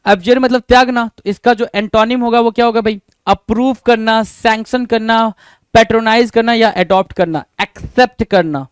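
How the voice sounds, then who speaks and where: Guy teaching vocab for exams, kinda high voice, dry close sound, keeps asking questions and answering them himself. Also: clean tone, no echo. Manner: asks rhetorical questions and answers them himself, repeating key words. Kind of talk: exam-prep vocabulary lesson.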